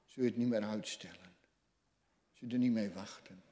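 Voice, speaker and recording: A man preaching a sermon. He swings from hushed words to loud cries. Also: lowish voice, normal speed. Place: church. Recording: long church reverb.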